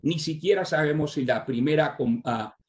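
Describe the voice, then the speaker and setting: An older surgeon, born in Cuba and raised in the US, gives a conference talk in a Cuban Spanish accent colored by American English. His fairly high-pitched delivery is halting, full of "ah" fillers and restarted sentences.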